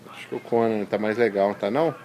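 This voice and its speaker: A man's voice: on the low side, fast talker, crowd noise. A father at home chatting playfully with his small sons, slipping into baby talk as he coaxes them to repeat words. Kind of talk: casual home video.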